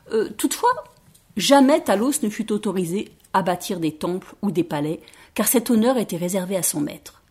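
A woman reading children's tales aloud, expressive and dropping to a hush at tense moments, with a breathy voice. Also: mid-range voice. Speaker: storyteller.

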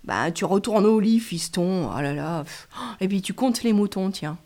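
A woman voicing a tired, dismissive father who answers in a low, weary, half-muttered way. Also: lively intonation, normal speed, warm tone, natural voice.

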